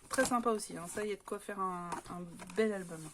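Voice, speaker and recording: A woman's voice: medium pitch, quick pace, noisy background. A woman from France chatting casually as she shows off craft papers, with many hesitant fillers. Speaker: scrapbooking vlogger.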